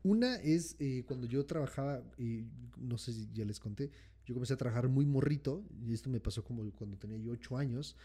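Mexican man, mellow warm voice, casual chat, short slang reactions. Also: mid-range voice, a little fast. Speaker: podcast co-host.

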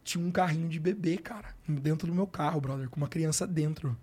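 A man's voice: on the high side, fairly quick, a little mellow, husky. A man with a Brazilian Portuguese accent, a guest on a podcast, telling a personal story in casual, slang-filled talk. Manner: slangy, emotional, frequent filler words like "cara" and "brother". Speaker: podcast guest, sports coach.

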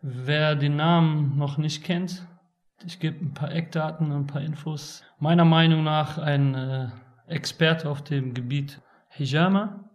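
A man hosting a podcast, greeting his guest and asking loose, rambling questions. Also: on the high side. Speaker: podcast host. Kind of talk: casual interview talk.

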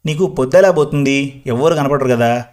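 A man's voice: medium pitch, brisk, darkish tone, natural voice. A man voicing a curious young woman asking eager questions in a storybook reading.

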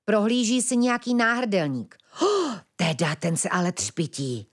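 A woman's voice: medium pitch, very animated, slightly rough, voice pushed up. A woman voicing a bold, impatient young male animal who is a brother, in an impulsive, eager manner. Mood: hushed spying.

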